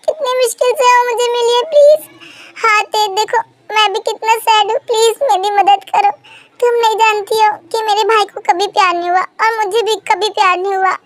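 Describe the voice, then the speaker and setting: A woman's voice: very high-pitched, fairly even intonation, a little fast. A woman voicing a pleading young man in love in a Hindi fan-fiction story, begging and repeating please.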